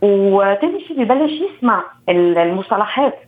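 A woman with a Lebanese accent gives calm, instructive advice as a guest expert. She talks briskly and explains point by point. Her voice comes through a thin, phone-like line. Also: mid-range voice. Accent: Lebanese Arabic. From Beirut.

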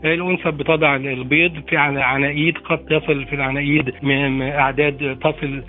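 An Egyptian man explaining informally as an expert, halting often over filler phrases. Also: on the high side, little pitch movement. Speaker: expert interviewee. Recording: narrow, phone-like sound. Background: faint music.

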